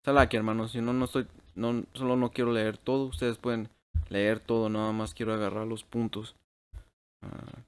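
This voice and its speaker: A man's voice: fairly low pitch, flat delivery, moderate pace, smooth. A man teaching a Bible class over shared slides at a computer mic, checking in with "ok?" after nearly every phrase and dropping English words into his Spanish.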